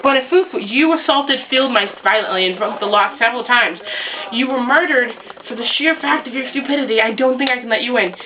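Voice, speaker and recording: A woman voicing a crude, corrupt male saint guarding a gate, who speaks in a gruff, curt way. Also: on the high side, brisk, close to an everyday voice. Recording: muffled lo-fi recording with hiss.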